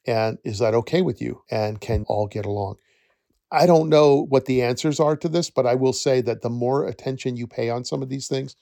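A man speaks in a relaxed, mellow voice with a gravelly edge as he hosts a podcast and gives casual career advice. He rambles in a friendly, conversational way, often catching and correcting himself partway through a thought. The close, dry recording has no room sound. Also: mid-range voice, no room sound. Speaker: nature program director, podcast host.

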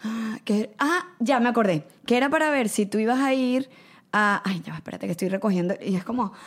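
A woman with a Venezuelan accent, a guest in a casual podcast chat, talking fast and emphatically. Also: fairly high pitch.

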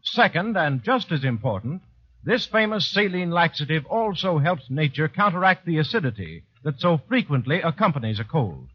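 Man, raspy, animated radio ad read, slightly high, muffled vintage broadcast. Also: normal speed, dry recording. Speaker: commercial announcer. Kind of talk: 1940s radio advertisement.

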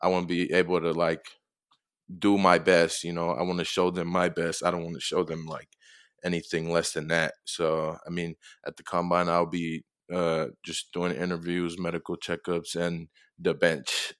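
Young male athlete from Tonga, deep flat voice, smooth, dry sound. soft-spoken and hesitant. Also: moderate pace, dry recording. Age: young adult. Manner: soft-spoken, hesitant, many fillers and chuckles. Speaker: football player guest. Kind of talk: casual interview answers.

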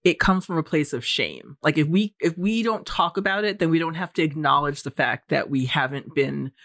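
A woman's voice: low voice, moderate pace, fairly bright tone, dry recording, clean studio sound. A woman co-hosting a film podcast, giving thoughtful, explanatory commentary in a conversational way.

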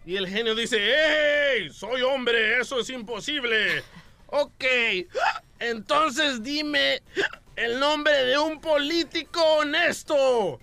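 A man's voice: very high-pitched, slow, creaky, pushed and bright, no echo. A man co-hosting a radio show, telling a joke in a slangy, laid-back way. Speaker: radio co-host.

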